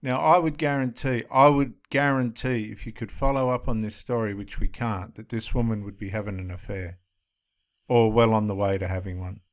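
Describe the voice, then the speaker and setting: A man's voice: fairly low pitch, fairly even intonation, moderate pace. Emphatic male video commentator. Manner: emphatic, repeats phrases for stress. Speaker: commentator reacting to police footage.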